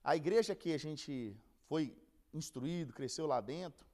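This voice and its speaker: A man's voice: a little high, unhurried, a little mellow. A man with a Brazilian Portuguese accent teaching a Bible lesson in a casual, storytelling way, acting out the people he quotes.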